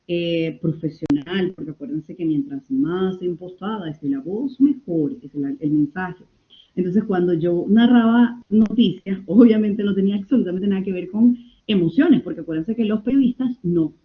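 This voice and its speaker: A woman giving a communication lecture online. She talks expressively and shifts her tone and pace to demonstrate. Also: mid-range voice. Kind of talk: online lecture answering questions. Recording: tinny phone-like audio.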